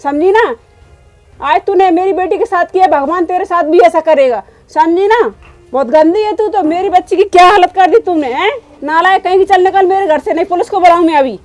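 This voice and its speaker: A protective, angry mother, played by a woman in a home-made short drama. She scolds the maid sharply in a high voice. Faint music plays behind her. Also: fairly quick, darkish tone. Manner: scolding, then comforting.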